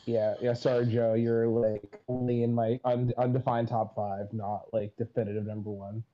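A man's voice: mid-range voice, level tone, moderate pace. A man guest on a podcast, talking in a hesitant, self-deprecating, apologetic way. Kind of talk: casual chat. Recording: dull lo-fi sound.

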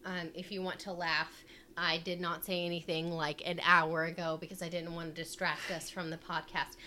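A woman's voice: on the low side, little pitch movement, moderate pace, sharp tone, a little hiss or hum. A woman co-hosting a podcast, chatting casually and playfully. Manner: giggly, playful, breaks into silly voices and song. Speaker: podcast co-host. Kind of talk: casual chat.

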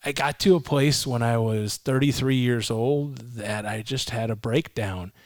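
A man's voice: medium pitch, measured pace, dry recording. A man in his forties shares a personal testimony as an interview guest, his voice sitting in a middle register. He tells his story earnestly, with restarts and quoted voices. The recording is dry and close. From Massachusetts, raised in Florida. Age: 40s. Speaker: guest, ministry leader. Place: a home.

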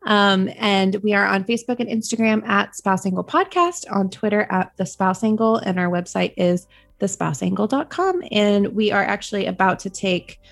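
A woman's voice: medium pitch, lively intonation, moderate pace, vocal fry, soft background music. A young adult woman, a podcast guest, out of breath and talking casually with lots of fillers while she searches for words. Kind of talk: casual interview chat.

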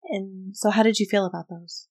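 A woman's voice: medium pitch, fairly even intonation, brisk, mellow, no echo. Dry, close woman investigator host. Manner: thoughtful, hedging, explanatory. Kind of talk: casual podcast chat reviewing audio.

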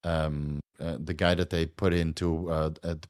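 A man's voice: a bass voice, level tone, measured pace, a little mellow, clear, resonant tone. A man from the Netherlands with a Dutch accent, chatting loosely as host while answering viewer questions and thanking donors, swearing and laughing often. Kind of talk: casual livestream Q&A.

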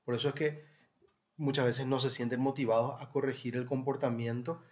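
A man's voice: medium pitch, flat delivery, fairly quick, a little mellow. Brief: male co-host, mid-range voice, explanatory, frequent "¿sí?" check-ins. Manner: explanatory, leans on tag questions and fillers. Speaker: co-host of a parenting talk show. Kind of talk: conversational advice talk.

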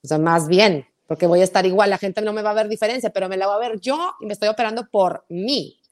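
Fast-talking animated woman in her forties. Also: medium pitch. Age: 40s. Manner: animated storyteller, acts out quoted dialogue, mixes in English phrases. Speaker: podcast guest. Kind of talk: casual conversation.

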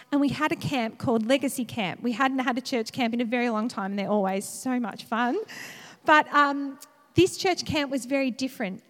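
A woman in her thirties preaching a sermon, telling a personal story with animated, laughing energy. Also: sits high. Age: 30s. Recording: long hall reverb.

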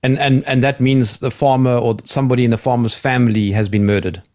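A man's voice: medium pitch, steady tone, brisk, darkish tone. A man hosting a conversational interview, feeling his way through questions with restarts. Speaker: podcast host.

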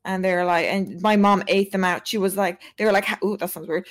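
A woman's voice: medium pitch, fairly even intonation, fairly quick. Rambling woman streamer telling a story. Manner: rambling, heavy use of "like". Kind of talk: casual storytelling chat.

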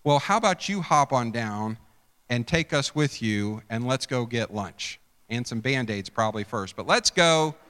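A man's voice: medium pitch, expressive, unhurried, fairly bright tone, smooth, long reverb tail. A man voicing a sarcastic, scoffing condemned male criminal who mocks with smug arrogance. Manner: mocking, smug.

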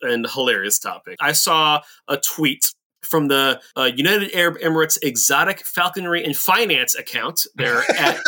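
A man's voice: on the high side, lively intonation, normal speed, bright, forceful tone. A man co-hosting a podcast, chatting casually, upbeat and laughing often. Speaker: podcast co-host. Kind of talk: casual chat.

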